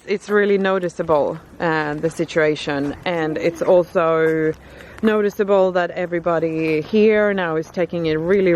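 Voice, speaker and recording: A woman in her thirties talking casually for a vlog, haltingly, as if thinking aloud. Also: lowish voice, highs cut off. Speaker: vlogger, travelling parent. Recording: steady background noise, vehicle-like ambience.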